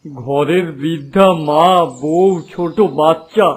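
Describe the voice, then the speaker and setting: A man voicing a poor, kind-hearted village father in a cartoon, speaking gently. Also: a little high, takes it slowly. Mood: worried. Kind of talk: cartoon voice acting.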